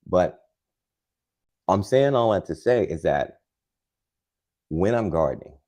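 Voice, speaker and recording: A man with an extremely low voice talks gardening in a live demo. His tone is dark and mellow, and his delivery is calm, unhurried and soothing. He rambles casually with plenty of fillers. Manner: chatty and rambling, with many fillers. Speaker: gardening channel host.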